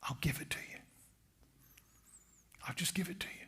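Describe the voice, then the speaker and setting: A man voicing a smooth-talking male tempter in a sermon, as whispered role-play, coaxing and persuasive in a hushed voice. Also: normal speed, close to an everyday voice.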